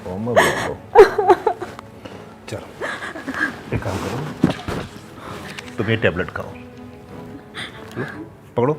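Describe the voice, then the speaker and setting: An actor playing a man who holds his young wife captive, coaxing and softly menacing in a crime drama. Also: lowish voice, expressive, slow, pauses often. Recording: music playing under the voice.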